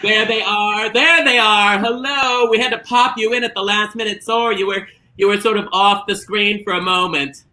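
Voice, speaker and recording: A man's voice: high voice, moderate pace, hardly any pauses, roomy sound, slight background noise, low-quality recording. A man playing a perky, campy beauty-queen bingo hostess, chatting theatrically as a bingo caller with teasing asides. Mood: chatty, teasing. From Minnesota. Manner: theatrical, chirpy, rambling with teasing deadpan asides. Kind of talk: chatty bingo caller patter to a live online audience.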